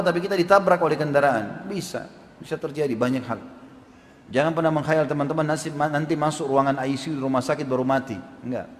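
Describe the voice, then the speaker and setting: A man preaching a sermon to a live audience, telling stories with rhetorical questions. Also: a little high. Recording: long hall reverb.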